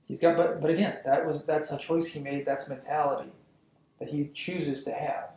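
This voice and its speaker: A man's voice: fairly high pitch, fairly even intonation, moderate pace, a little mellow, roomy sound, recorded from a distance, low-quality recording. A man chatting casually on a podcast, giving blunt advice and repeating phrases as he builds a point.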